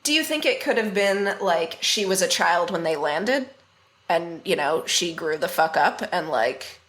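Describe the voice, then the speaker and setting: A woman's voice: on the low side, expressive, measured pace, a bit bright. A woman co-hosting a podcast in casual chat, rambling with many fillers and casual swearing. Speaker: podcast co-host.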